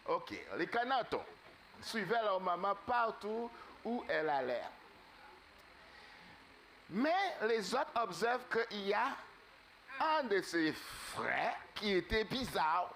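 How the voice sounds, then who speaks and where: A high-voiced man preaching before a congregation, animated and a bit halting, often asking his listeners questions. Faint noise sits behind him in the church. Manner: halting, many fillers. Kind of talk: sermon storytelling.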